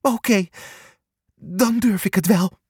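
Angsthaas, a squeaky scared hare as a man puts him on. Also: slow, darkish tone, husky, dry recording, studio quality, full character voice. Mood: fearful. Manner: stammering, fearful, high and squeaky. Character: timid frightened young male hare.

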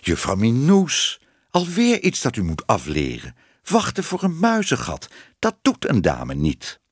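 A man's voice: mid-range voice, wildly swooping pitch, a little slow, slightly rough, no room sound, full character voice. A shy, fussy storybook man lecturing and exclaiming, his voice leaping up and down as he tries to sound stern, as a man plays him. The reading is close-miked and dry. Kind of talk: audiobook reading.

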